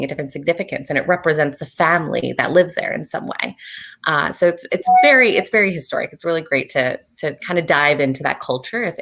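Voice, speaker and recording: A raspy, hoarse woman travel advisor giving a casual online presentation over a video call, chatty and full of fillers. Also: low-pitched, a bit bright.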